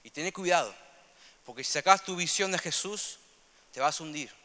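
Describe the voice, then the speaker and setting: Young man, Rioplatense accent, earnest sermon, bright tense tone, reverberant hall. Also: fairly high pitch, normal speed. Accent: Rioplatense Spanish. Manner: earnest, repetitive, swings between loud emphasis and soft asides. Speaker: young preacher.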